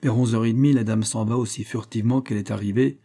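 A man giving a steady, measured reading of a crime novel as an audiobook narrator. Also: fairly low pitch.

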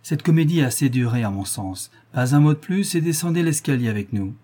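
A man's voice: mid-range voice, expressive, fairly quick, close to an everyday voice. A man doing an angry young husband. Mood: angry, forceful. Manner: curt and forceful. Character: hot-tempered young man, cousin and secret husband.

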